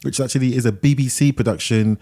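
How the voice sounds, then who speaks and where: A British man co-hosting a casual film podcast, with soft rounded R sounds and a rambling, self-deprecating manner, often searching for words. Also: mid-range voice, fast talker. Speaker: podcast co-host.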